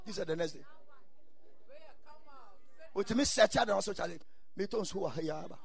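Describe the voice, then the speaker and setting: A man's voice: high-pitched, brisk, gravelly, slightly rough. A man with a Ghanaian accent preaching a sermon in exhorting, repeated short phrases, mixing English with Ghanaian Pidgin and Twi.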